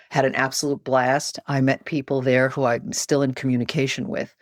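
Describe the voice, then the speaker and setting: A woman's voice: very deep voice, no room sound, clean studio sound. An older woman from New York whose first language is Greek, telling stories in a chatty interview with frequent filler words. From New York, USA. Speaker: guest. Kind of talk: conversational interview.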